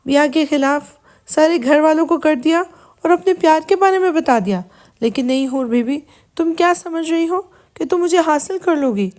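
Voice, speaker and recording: A woman's voice: sits high, pitched above the performer's own voice, close to an everyday voice. A woman voicing an angry young man who speaks harshly in an audio novel. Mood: furious. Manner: harsh, shouting.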